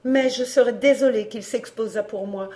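A woman reading an audiobook, voicing a proud, guarded young woman who speaks quietly and with restraint. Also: on the high side, normal speed, lightly acted. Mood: restrained.

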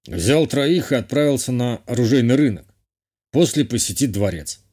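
A man voicing a loyal male bodyguard in his thirties, who speaks in a slow and deferential way in an audiobook. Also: mid-range voice, lively intonation, darkish tone, natural voice. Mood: reporting.

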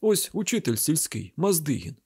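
A bitter old village father rails at the world in a slightly high, husky voice, played by a man. He is grieving and reproachful, a weathered cattle healer in an audiobook drama. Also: sing-song, moderate pace, dark tone, exaggerated voice.

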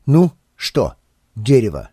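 A man reading an audiobook, voicing an excitable record-book official in a raised, agitated voice. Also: mid-range voice, slow pace, breathy edge, no room sound, studio quality, full character voice.

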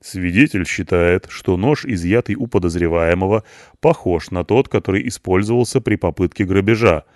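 A man voicing a calm, wry police officer who slowly dictates a report in formal wording. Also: deep voice, no echo, clean studio sound, close to an everyday voice. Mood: dictating.

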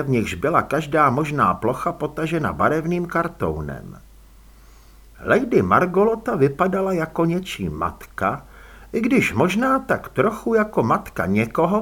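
Husky man narrating with lively expression. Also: mid-range voice. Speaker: audiobook narrator. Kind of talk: scripted narration.

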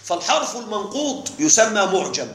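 A man's voice: high voice, sing-song, fairly quick, a bit bright, reverberant, slight background noise. A man teaching an Arabic grammar lesson to a live class, explaining patiently, repeating key words and checking that the students are following.

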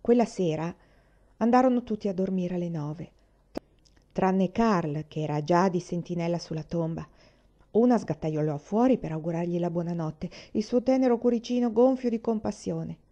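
A woman reading a children's novel aloud with steady narration. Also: on the low side, moderate pace, highs cut off. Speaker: audiobook reader. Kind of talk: storybook reading.

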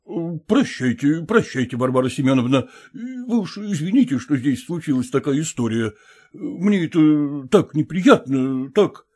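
A fussy elderly professor frets and pleads in a husky, mellow voice, as a man reads him in an audiobook. His speech rises and falls a lot, drawn out when he tries to calm a quarrel. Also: fairly high pitch. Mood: soothing. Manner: fretful, soothing, drawn-out pleading. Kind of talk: audiobook character reading.

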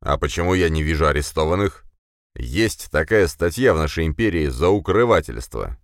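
A man voicing a fat, bossy middle-aged police chief who shouts and blusters. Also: rumbling low, animated, moderate pace, no echo, clean studio sound. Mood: blustering, angry.

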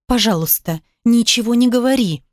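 A woman's voice: fairly high pitch, normal speed, no room sound, studio quality, voice pushed up, natural voice. A woman voicing a frightened, tearful young woman who pleads emotionally in a read-aloud story. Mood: pleading.

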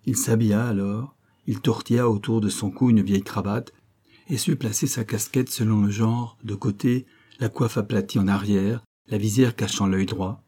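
Dark-voiced male audiobook narrator. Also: lowish voice, steady tone, normal speed, slightly rough. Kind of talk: scripted narration.

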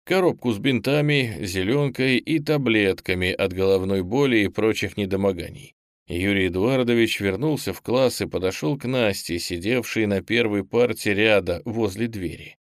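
A man reads a novel aloud as its narrator, keeping the telling steady and even. His voice is on the low side, and the recording is close and dry, with no trace of room sound. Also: moderate pace, no echo. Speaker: audiobook narrator. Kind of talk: scripted narration.

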